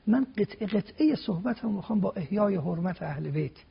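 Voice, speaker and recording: High gravelly husky man preaching. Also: animated. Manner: emphatic, builds points step by step with rhetorical questions. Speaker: religious guest speaker. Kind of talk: preaching talk on a TV program. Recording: dull lo-fi broadcast sound.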